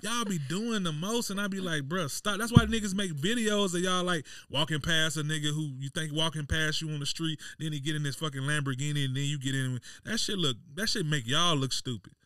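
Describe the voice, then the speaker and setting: Bright, blunt-talking man host. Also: on the high side, a little fast, few pauses, no room sound, clean studio sound, distant mic. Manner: blunt, profane ranting. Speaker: podcast host. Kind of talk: casual dinner-table chat.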